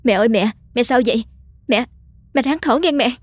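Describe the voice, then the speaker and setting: A woman's voice: normal speed, breathy edge, no echo. A woman doing a tearful young village daughter. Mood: frantic. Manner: pleading, high and tearful.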